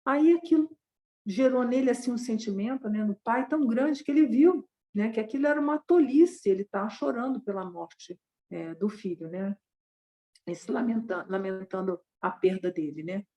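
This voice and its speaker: A woman's voice: on the high side, normal speed, warm tone. A woman giving a Buddhist dharma talk, retelling a parable conversationally and tagging many sentences with a question. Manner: conversational, constant tag questions.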